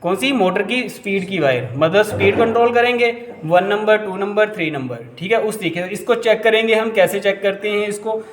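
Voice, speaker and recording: High-voiced man teaching fan repair. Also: a little fast, hardly any pauses, echoey room. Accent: Hindi. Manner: talks while working, rhetorical questions, repeats "ठीक है". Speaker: electrical repair instructor. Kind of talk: hands-on repair tutorial.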